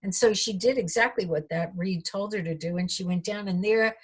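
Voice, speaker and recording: A woman storyteller telling an ancient myth aloud, pausing for reflective asides to her listeners. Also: mid-range voice, slightly rough.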